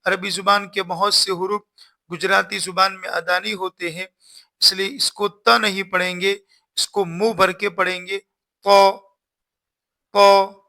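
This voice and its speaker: Man teaching quran reading, fairly high voice, kinda flat, spells out each letter one at a time. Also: creaky. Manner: patient, repeats instructions and sounds out letters one by one. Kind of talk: recorded lesson.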